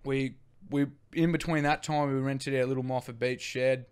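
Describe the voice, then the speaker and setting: Aussie bloke yarning away, loose and rambly, smooth clear voice, mid pitch. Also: male voice, fairly even intonation, normal speed. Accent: Australian. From Australia. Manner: laid-back, rambling, swears casually. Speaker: brewery co-founder guest. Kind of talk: casual storytelling chat.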